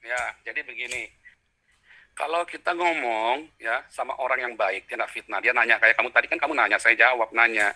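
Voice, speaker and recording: A man's voice: mid-range voice, moderate pace, sharp tone. A man hosting a heated video-call debate, talking in a mocking, vulgar and combative way.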